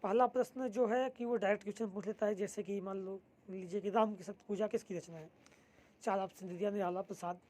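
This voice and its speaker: A woman's voice: mid-range voice, fairly even intonation, brisk, darkish tone. A young woman teaching, steadily explaining an exam syllabus with frequent fillers.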